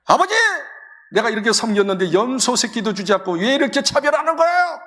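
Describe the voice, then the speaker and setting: A man playing a young elder son full of grievance, whose high voice rises in indignant complaint. His tone is sharp and forceful, with loud bursts of resentment. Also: lively intonation, a little fast.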